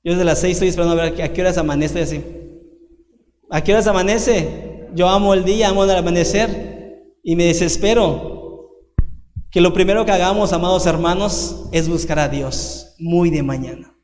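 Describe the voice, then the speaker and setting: A man preaching a sermon as pastor, asking rhetorical questions and stretching key words out slowly. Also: high-pitched, darkish tone, slight background noise. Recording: echoey hall with long reverb.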